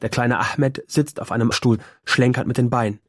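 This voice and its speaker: Husky male audiobook narrator. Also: medium pitch, steady tone, dry recording, studio quality. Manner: measured, quiet storytelling. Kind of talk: first-person novel narration.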